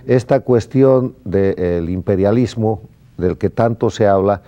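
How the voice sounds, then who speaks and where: A man's voice: fairly low pitch, slow, warm tone. A man from Bolivia, a guest on a television interview, making an emphatic political argument as he lists points one after another. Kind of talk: formal TV interview. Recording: dull lo-fi broadcast sound.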